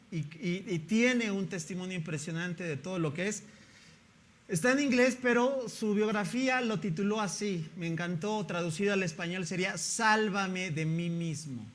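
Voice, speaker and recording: A man's voice: high-pitched, normal speed. A male pastor, preaching a sermon in a conversational way and often asking the congregation rhetorical questions.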